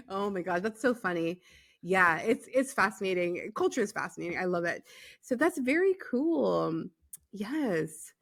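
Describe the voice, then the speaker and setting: A woman's voice: a little high, creaky. A woman from Los Angeles hosting a podcast, affirming her guest often with mm-hmms and enthusiastic replies. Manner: warm, affirming, frequent mm-hmms. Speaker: podcast host. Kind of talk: casual interview chat.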